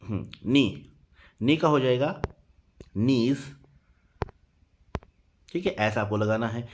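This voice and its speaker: A man's voice: medium pitch, darkish tone, a little hiss or hum. A man teaching English grammar in a Hindi lesson. He spells words out letter by letter and keeps checking in with "theek hai" after each point.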